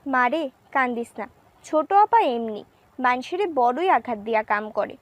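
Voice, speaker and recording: Actress as motherly older servant woman, high voice, dry. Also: lively intonation, normal speed, no room sound, close to an everyday voice. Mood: consoling. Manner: soothing, consoling. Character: older female house servant, kind and motherly.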